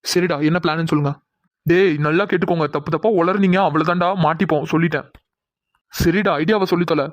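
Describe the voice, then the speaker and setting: Man for cartoon banter, rapid and a bit high, bickering tone. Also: fairly even intonation, dry recording, clean studio sound. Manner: quick, scolding banter. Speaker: voice artist for several young men. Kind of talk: cartoon dialogue.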